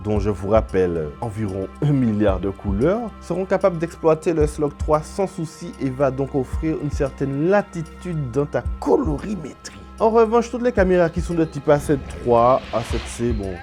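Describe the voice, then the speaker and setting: A man's voice: on the high side, expressive, normal speed, hardly any pauses, a little mellow, faint music behind. A man giving a casual camera tutorial, chatty and informal, talking straight to the viewer. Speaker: video creator teaching camera settings.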